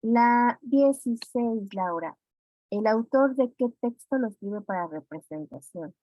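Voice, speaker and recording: A woman's voice: fairly high pitch, animated, a little slow, warm tone, no room sound. A woman teacher with a Mexican Spanish accent goes through exam answers step by step and calls on students with questions. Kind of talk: classroom exam review. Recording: dry, dull lo-fi sound.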